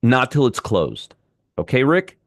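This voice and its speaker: A man's voice: medium pitch, big pitch swings, measured pace, dry recording, clean studio sound. A middle-aged man hosting a live trading show, giving market commentary and answering chat viewers by name, often repeating himself.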